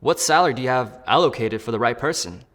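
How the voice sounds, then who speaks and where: Speaking quickly and with lots of energy, this man has a medium-pitched, somewhat bright voice trailed by a long reverb. He acts out a phone interview as the candidate and upbeatly explains every stage to the viewer in scripted asides.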